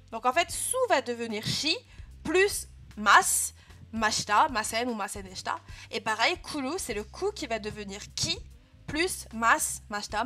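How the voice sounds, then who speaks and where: A young woman leads a live online class and walks her students patiently through grammar, pausing to check in with them. Her voice is bright and sits a little high. Soft music plays faintly underneath. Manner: patient, clear explaining with frequent "euh" and "hein" checks. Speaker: Japanese teacher. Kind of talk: live online language lesson.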